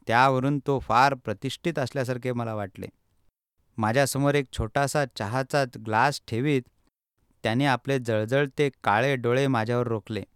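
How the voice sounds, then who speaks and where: Male audiobook narrator, measured storyteller, crisp tone. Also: mid-range voice, dry recording, clean studio sound. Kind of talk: first-person audiobook narration.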